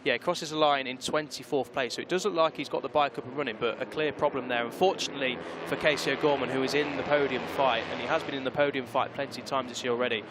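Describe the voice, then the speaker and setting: A man's voice: mid-range voice, steady tone, fast, few pauses, heavy background noise. A man giving live motorcycle race commentary in a conversational motorsport commentator manner. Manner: motorsport commentator delivery, conversational with tag questions.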